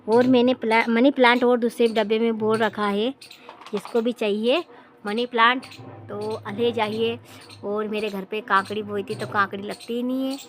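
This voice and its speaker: A woman's voice: on the high side, fairly even intonation, moderate pace. A woman vlogging a casual tour of her home and garden, repeating herself and talking straight to viewers. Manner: chatty, repeats phrases, talks straight to viewers.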